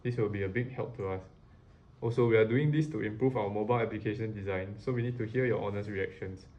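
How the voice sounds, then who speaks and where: A man's voice: lowish voice, fast talker, muffled recording. A man moderating a usability test, reading out a briefing and task instructions.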